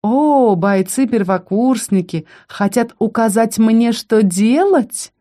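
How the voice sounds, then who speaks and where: Woman doing a spiteful young necromancer girl, high sneering voice, mocking, condescending, audiobook. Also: lively intonation, slow pace, mellow. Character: haughty young female necromancer student, spiteful bully.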